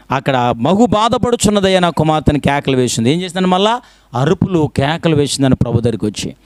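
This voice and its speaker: Male pastor, fervent sermon, high lively voice, dry close sound, rhetorical questions. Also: no room sound. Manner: impassioned preaching, stream of rhetorical questions; swings between loud pleading and hushed low lines.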